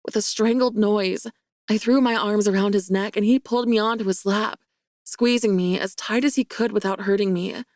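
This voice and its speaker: Casting: a wry, lively woman narrating a romance audiobook, mid pitch, dry close mic. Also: moderate pace, no echo. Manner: wry, lively and self-mocking.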